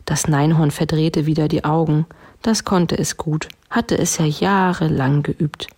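A woman reading a children's story aloud with a gently wry manner. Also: low-pitched, steady tone, unhurried.

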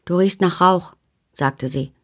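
A woman's voice: fairly low pitch, slow pace. A woman voicing a skeptical, questioning young woman. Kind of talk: audiobook character voice.

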